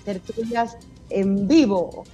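A woman's voice: mid-range voice, slow pace, mellow, faint music behind. A woman from eastern Cuba with an eastern Cuban accent, chatting as a singer in a radio interview. She talks expressively and laughs often. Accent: eastern Cuban Spanish. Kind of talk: casual radio interview chat.

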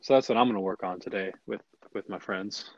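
A man's voice: lowish voice, brisk, no room sound, dull audio. A man co-hosting a podcast in casual chat, often stumbling and repeating words as he starts a sentence. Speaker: podcast co-host.

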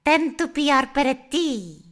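A woman voicing an old witch in a storybook tale, giving slow, drawn-out, bossy advice. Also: high-pitched, lively intonation, a bit bright, voice pushed up, heavily acted. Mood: questioning.

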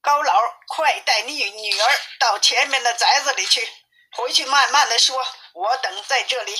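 A woman voicing a cocky, clever male monkey king in a storybook reading, brisk and sure of himself. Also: fairly high pitch, pushed and bright, a little hiss or hum. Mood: commanding. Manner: brisk, confident, commanding.

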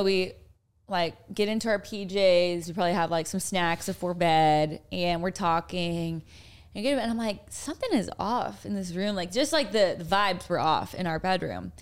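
A young woman talks through a story on her podcast in a loose, chatty way, full of fillers and asides. Her voice sits a little low for a woman. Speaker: podcast co-host. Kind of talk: casual chat.

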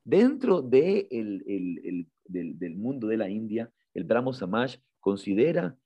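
A man co-hosting a podcast, retelling a story in a casual, halting way, often repeating words and lifting his voice when he quotes someone. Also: fairly low pitch, big pitch swings, breathy edge, no echo, muffled recording. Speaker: podcast co-host.

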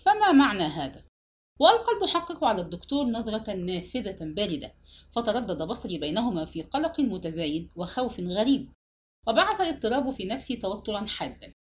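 A woman narrating a crime story in an audiobook reading, with measured, dramatic storytelling. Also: medium pitch, sing-song.

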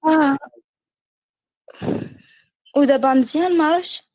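A woman's voice: high-pitched, normal speed. Woman's voice breaking up through static. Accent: Moroccan. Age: 20s. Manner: mixes in English phrases. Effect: voice breaking up through static over a weak call connection. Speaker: caller on a live stream. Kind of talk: casual chat. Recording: muffled, choppy online call line.

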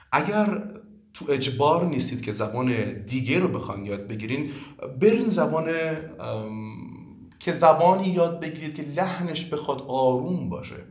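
Man from iran, language teacher, earnest lecturing tone, mid-pitched voice, roomy echo. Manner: earnest, lecturing, many fillers. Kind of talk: podcast interview answers.

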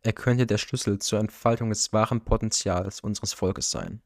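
A proud but nervous guardian of an ancient people, read by a man in a storybook audiobook, firm yet uneasy and respectful. His voice sits low, and the recording is dry and close. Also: steady tone, normal speed, dry recording, lightly acted. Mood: earnest, uneasy.

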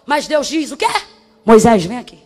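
A woman preaching a sermon with fiery shouted refrains, dropping into speaking in tongues. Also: on the high side, expressive, normal speed. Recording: faint music behind.

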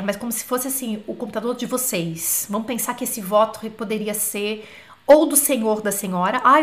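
Woman teacher, slightly high voice, chatty online French lesson, stretches out dictated words. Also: fairly bright tone. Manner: slow, drawn-out dictation of example words; chatty, asks the class questions. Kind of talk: live online language class.

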